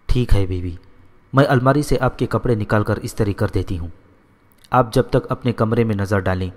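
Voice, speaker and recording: A man's voice: fairly low pitch, long reverb tail, natural voice. A man voicing a devoted, simple-hearted female house maid in a storybook reading, in his own plain voice. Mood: devoted, pleading.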